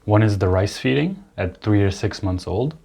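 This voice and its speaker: A calm young man, originally from Nepal, reflecting thoughtfully as a guest in a podcast interview. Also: on the low side, normal speed, creaky. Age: young adult. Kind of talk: casual interview.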